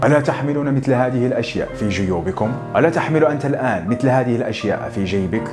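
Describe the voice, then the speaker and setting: A man's voice: mid-range voice, animated, over music, lightly acted. A man reading the lines of a defiant divorced woman who scorns gossip and convention, in a scornful, questioning manner. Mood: indignant. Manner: scornful, cutting, rapid-fire questions. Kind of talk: audiobook narration.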